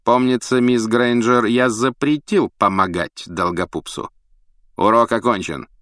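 A man voicing a stern, sneering male potions teacher, speaking in a cold, mocking, drawn-out way in an audiobook. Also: mid-range voice, fairly bright tone, no echo, studio quality, voice pushed up, natural voice. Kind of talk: audiobook character voice.

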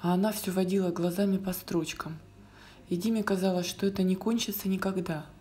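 Lady reading a story out loud, soft, half whispered, kinda low voice. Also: steady tone, a little fast, slight background noise. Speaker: narrator.

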